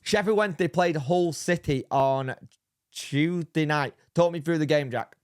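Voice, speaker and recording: Hoarse man, 30s, wry podcast co-host, dry close sound. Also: on the high side, a little slow, no echo. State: hoarse from recent illness. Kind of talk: casual football podcast chat.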